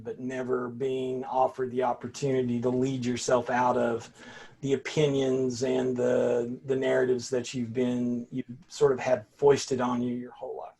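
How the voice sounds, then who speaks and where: An older man who teaches college philosophy speaks casually to his class over a video call, folksy and rambling, frequently restarting sentences. His voice is medium-pitched and darkish, with a breathy edge.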